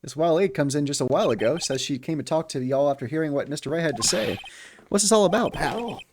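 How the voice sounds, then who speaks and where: A man voicing a loyal, gruff male police detective who talks in a folksy way, with game music behind. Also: fairly high pitch, lively intonation, fast, background noise, lightly acted. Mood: earnest. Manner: folksy, calls everyone pal.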